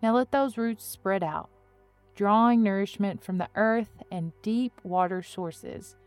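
A woman reading a guided meditation as a podcast host, with a gentle, soothing, unhurried delivery and pauses between phrases. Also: medium pitch, no echo, soft background music.

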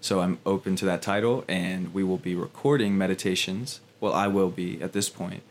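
Deep-voiced man co-hosting a podcast. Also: a little hiss or hum. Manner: relaxed, halting with restarts. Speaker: podcast co-host and meditation instructor. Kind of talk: casual podcast chat.

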